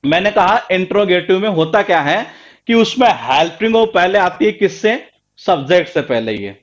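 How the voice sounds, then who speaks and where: A man with a high voice teaches a grammar lesson, pressing his students with question after question and repeating each point for emphasis. The sound is dull and lo-fi. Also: expressive, moderate pace. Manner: emphatic, repetitive, quizzing students. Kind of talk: live online class lecture.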